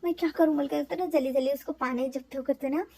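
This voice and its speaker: A woman with a high, bright voice tells her own fan-fiction story casually. She keeps it chatty and drops English words in as she goes. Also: fairly even intonation, quick pace, gravelly.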